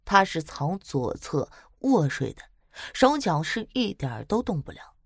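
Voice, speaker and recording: A woman with a low voice recounts eerie tales in a casual, chatty way. Her pitch moves about a great deal as she builds suspense. The sound is close and dry, with no room around it. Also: a little slow, breathy edge, no room sound. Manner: chatty, lively retelling with dramatic swells. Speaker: storyteller. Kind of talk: casual narration of spooky stories.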